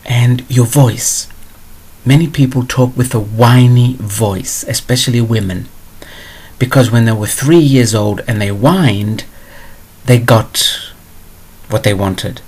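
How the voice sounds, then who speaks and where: Guy with a husky voice rambling off topic, blunt spiritual advice, plain mid pitch. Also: takes it slowly, darkish tone. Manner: blunt and digressive. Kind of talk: answering a viewer question to camera.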